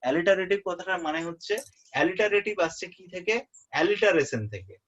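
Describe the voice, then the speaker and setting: A young man tutoring a student for an exam in a relaxed way. He often checks that the student is following and repeats the key terms. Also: sits high, quick pace, a little hiss or hum. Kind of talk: informal exam-prep lesson. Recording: muffled lo-fi audio.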